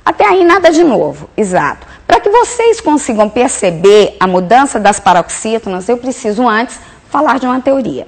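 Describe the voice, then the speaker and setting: A woman's voice: a little high, big pitch swings, moderate pace, hardly any pauses. A woman giving a grammar lesson as a teacher, explaining step by step and answering her own questions. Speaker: Portuguese teacher.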